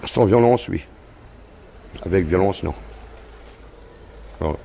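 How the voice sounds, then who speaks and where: Interviewed voter; gravelly, very low, curt and indignant. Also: male voice, takes it slowly, dark tone, a little hiss or hum. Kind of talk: street interview.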